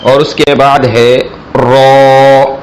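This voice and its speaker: In this low-quality recording with faint hiss or hum, a man speaks in a level, mid-range voice. He is teaching the alphabet slowly, going through each letter and drawing its sound out with care.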